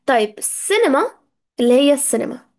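A woman with an Egyptian Arabic accent teaching English words in a casual live lesson, chatty and talking straight to her students, drawing out words slowly to drill their pronunciation. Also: high-pitched, big pitch swings, vocal fry, darkish tone. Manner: chatty, addresses students directly.

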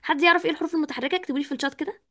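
Speaking very fast in a high, slightly bright voice, a woman with an Egyptian Arabic accent runs an online English class. She patiently explains, asks her students questions, and blends English words into what she says.

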